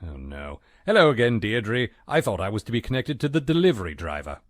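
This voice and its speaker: An actor playing a prim, long-suffering butler with formal, dry politeness in a game. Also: male voice, fairly low pitch, very animated, a little fast, no echo. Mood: dry, polite.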